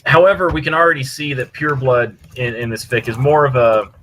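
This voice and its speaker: With a mid-range, slightly bright voice and a little fast pace, this podcast co-host gives a loose, excited, wandering review of stories. He talks through a computer mic on push-to-talk online voice chat, and background noise is clearly present.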